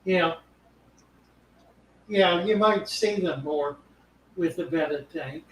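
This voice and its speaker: A man's voice: fairly high pitch, takes it slowly, fairly bright tone. An older man hosting a live stream, giving short encouraging replies and practical fishkeeping advice. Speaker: host. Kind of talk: live-stream casual chat. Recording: roomy echo, faint background noise.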